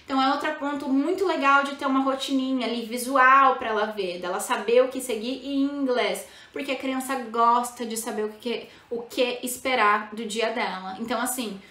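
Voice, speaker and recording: Brazilian woman educator, high bright voice, chatty tag-question delivery, roomy echoey room. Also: moderate pace, few pauses. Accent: Brazilian Portuguese. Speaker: bilingual parenting educator. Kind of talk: casual explanatory talk to parents.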